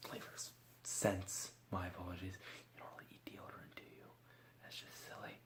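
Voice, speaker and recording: In a low, soft-spoken voice, a man performs a gentle ASMR roleplay as a mock examiner. He slips into whispers and offers slow, reassuring praise.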